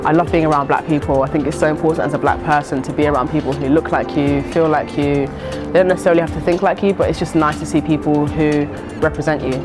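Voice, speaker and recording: A woman's voice: deep voice, fairly even intonation, fast talker, hardly any pauses. A young adult woman with a south London accent, speaking reflectively in a documentary interview. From Peckham, south London. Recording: music behind the voice. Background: music.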